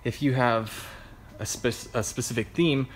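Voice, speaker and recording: A man hosting a live stream, answering viewer questions in a low-key, easygoing way. He is tired and a bit out of breath. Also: steady tone, unhurried, slight background noise. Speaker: car lighting shop host answering viewers. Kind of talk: live-stream Q&A while showing a build.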